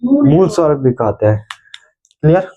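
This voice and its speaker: A man teaching a grammar lesson. He keeps asking his pupils questions, answers them himself and repeats key terms slowly so they can be written down. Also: a little high, wildly swooping pitch, highs cut off. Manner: addresses viewers as "bhai".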